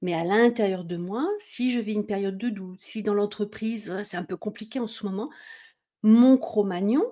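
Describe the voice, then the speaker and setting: Mellow-voiced woman coaching conversationally. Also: mid-range voice, moderate pace. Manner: conversational, checks in with "d'accord?", acts out inner worries. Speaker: mindset coach. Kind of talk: explanatory coaching talk.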